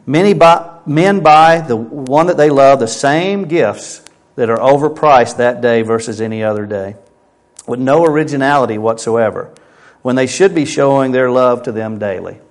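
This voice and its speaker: A man's voice: medium pitch, moderate pace. Male pastor preaching at a pulpit microphone. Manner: emphatic, asks rhetorical questions. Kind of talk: sermon.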